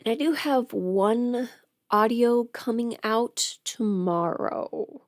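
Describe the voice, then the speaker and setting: Sick with a cold, an audio script performer chats on her livestream, poking fun at herself with playful sarcasm as she rambles casually. She speaks slowly in a slightly high voice, captured dry and clean in a studio.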